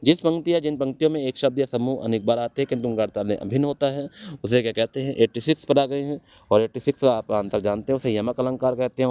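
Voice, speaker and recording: A man's voice: medium pitch, dark tone, clean tone, dry recording, dull audio. A man teaching Hindi for exam prep, quizzing his students and answering his own questions.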